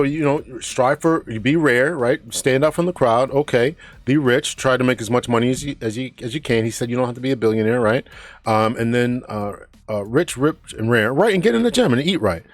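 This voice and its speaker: A man's voice: mid-range voice, expressive, normal speed, no echo. A man hosting a podcast and reacting to a clip, talking hesitantly, repeating words and checking in with "right?". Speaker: podcast host. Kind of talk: reaction commentary.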